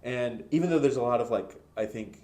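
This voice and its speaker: A man's voice: mid-range voice, brisk, warm tone. A man hosting a podcast, asking questions in a loose, searching way, with many fillers. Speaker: podcast host. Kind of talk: casual interview chat.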